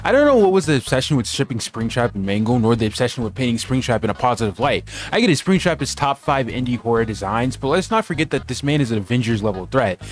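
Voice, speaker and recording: Male commentary host; quick, lively, mid-pitched, casual and wryly joking. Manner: slangy, sardonic, joking. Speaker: video essay host.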